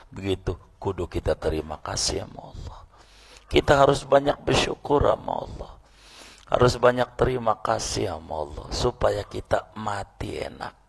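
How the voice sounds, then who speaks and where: A man's voice: mid-range voice, creaky, breathy edge. A man preaching at a mosque, telling folksy stories, acting out voices and teasing the audience with questions. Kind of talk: mosque lecture after midday prayer.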